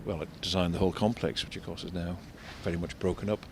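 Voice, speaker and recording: An older man giving unscripted commentary as an architect and local guide, discursive and explanatory, halting and repeating words. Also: fairly even intonation. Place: outdoors in a shopping street. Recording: vehicle rumble, street noise. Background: faint street traffic rumble.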